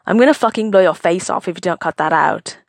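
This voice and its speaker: A woman voicing a gruff, foul-mouthed, short-tempered young man with curt, growled lines. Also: on the low side, quick pace, dry recording, studio quality. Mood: irritated.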